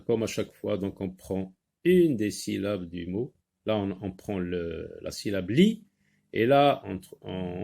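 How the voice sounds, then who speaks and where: Slow, patient man teaching children to read. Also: on the low side, gravelly, a little mellow. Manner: slow, careful, stretches out words for young learners; repeats words and asks himself questions. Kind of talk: early reading lesson.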